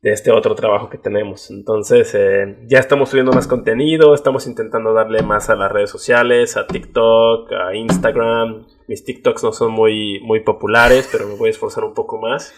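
A young Mexican man with a Mexican Spanish accent, co-hosting a casual podcast chat in a lively, chatty way. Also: lowish voice, normal speed, few pauses. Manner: chatty, lively, with many fillers. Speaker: podcast co-host.

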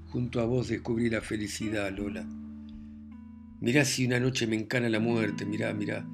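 Man voicing smooth romantic charmer, Rioplatense, guitar bed. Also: lowish voice, fairly even intonation, moderate pace, close to an everyday voice. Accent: Rioplatense Spanish. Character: charming tango singer, romantic grown man.

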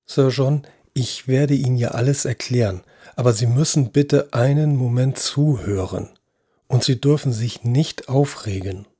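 A man voicing a calm, patient male neurosurgeon who speaks in a soft-spoken, reassuring way. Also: mid-range voice, measured pace, husky, no echo, clean studio sound. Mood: soothing. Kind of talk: audio drama acting.

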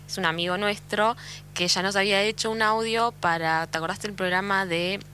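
A woman's voice: medium pitch, steady tone, fairly quick, sharp tone, a little hiss or hum. A woman with an Argentine accent chatting casually as co-host of a radio show. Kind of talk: casual chat.

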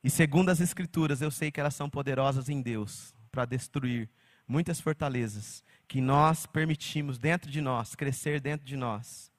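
A man preaching a sermon as pastor, animated, slipping into mocking quoted voices. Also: medium pitch, normal speed.

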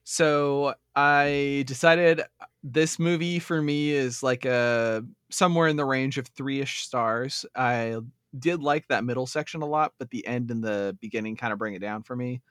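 A man co-hosting a casual movie podcast, relaxed and quick to joke. His voice sits at an ordinary middle pitch. It is recorded close and dry, with no room sound. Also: clean tone, no echo. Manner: relaxed, joking, laughs often. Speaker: podcast co-host.

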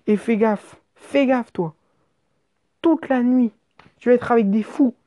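A man's voice: very high voice, measured pace, dull audio, pitched above the performer's own voice. A woman mimicking a smug, menacing cop. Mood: threatening. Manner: taunting, menacing. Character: smug threatening male police officer.

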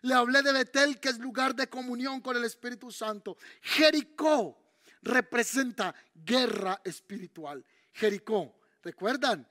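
A man preaches a sermon in an unusually high voice for a man. He questions his listeners and drags out the phrases he wants to stress. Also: a little slow, sharp tone. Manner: preaching, asks the audience questions. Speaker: pastor.

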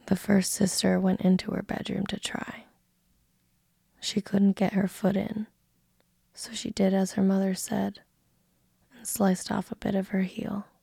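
A woman reading a fairy tale aloud in a soft, unvoiced ASMR whisper. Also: medium pitch, completely flat delivery, a little slow, creaky, pauses often, husky, no echo, clean studio sound. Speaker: storyteller.

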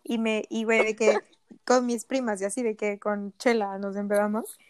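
A woman with a Mexican Spanish accent in casual chat, reacting quickly and using a lot of slang. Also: medium pitch, little pitch movement, heavy background noise.

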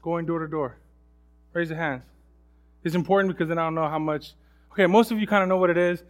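A man's voice: fairly high pitch, fast talker. A young man preaching a sermon in a casual, storytelling way, often restarting his sentences and acting out other people's voices. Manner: many restarts and fillers.

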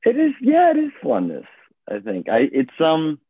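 A Hong Kong-born man in his twenties chats casually as a guest actor over tinny, phone-like call audio. His slightly high voice has huge pitch swings, a moderate pace and a breathy edge, and he sounds hesitant and thoughtful, with many fillers and restarts.

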